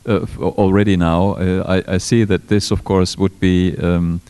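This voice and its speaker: A man chairing a panel discussion and opening the floor for questions, speaking haltingly with many filler sounds. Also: deep voice, flat delivery, mellow, clean tone.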